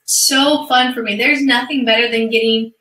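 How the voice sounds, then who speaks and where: Female webinar co-host, effusive and warm, bright tone, off-mic in an echoey room. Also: a little high, fairly even intonation, normal speed, far from the mic, a little hiss or hum. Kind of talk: casual webinar chat.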